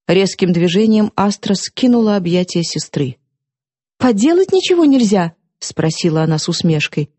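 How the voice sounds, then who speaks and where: A woman narrating an audiobook in a measured, steady storytelling voice. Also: on the low side, husky, no room sound.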